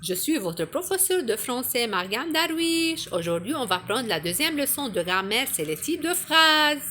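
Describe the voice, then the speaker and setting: Woman teacher, grammar lesson; patient, clear, sing-song, slightly high voice. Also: big pitch swings, normal speed, pushed and bright, a little hiss or hum. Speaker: French teacher.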